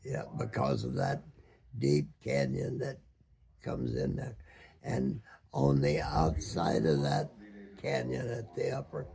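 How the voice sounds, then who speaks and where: A very old man with a deeply gravelly, husky voice tells a story from memory. He speaks haltingly, searching for each word and leaving long gaps filled with ums. The pace is slow throughout. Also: warm tone. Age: over 100, very old man. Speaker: retired boat captain.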